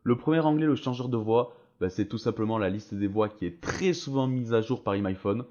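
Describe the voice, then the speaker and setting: A man's voice: on the low side, brisk, darkish tone, muffled recording. A man narrating a tutorial in a casual, slangy and enthusiastic way. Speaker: video creator presenting a voice-changer tool.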